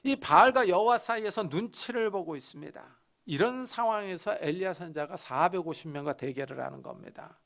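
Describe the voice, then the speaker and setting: Pastor, male, raised pitch with a gravelly edge, storytelling sermon delivery with strong emphasis. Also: expressive, a bit bright. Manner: storytelling, dramatic pauses and emphasis. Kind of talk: expository sermon.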